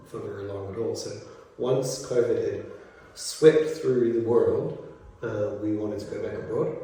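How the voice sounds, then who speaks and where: A middle-aged man from New Zealand, a teacher, answering interview questions in a relaxed, rambling way with many fillers. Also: fairly low pitch, a little hiss or hum. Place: school room. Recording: echoey room from far off.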